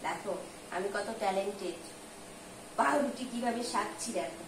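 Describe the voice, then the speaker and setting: A middle-aged woman with a mid-range voice rambles hurriedly through a casual cooking vlog at her gas stove, admitting she talks fast and mixes up words. Her husband films at a distance, so she's off-mic, and the home kitchen sounds noisy and echoey.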